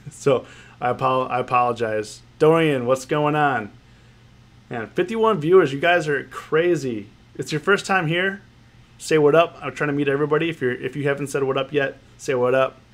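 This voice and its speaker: An options trading livestream host with a cold-stuffed, nasal voice chats casually while reading the chat, greeting viewers by name. His pitch is fairly high and his pace moderate, and he rambles and repeats himself.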